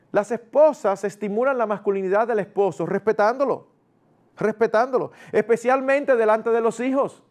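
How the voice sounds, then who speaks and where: A male pastor delivers a sermon. His voice sits high, and he talks to the congregation in a lively, conversational way, stepping into everyday family dialogues in a raised voice.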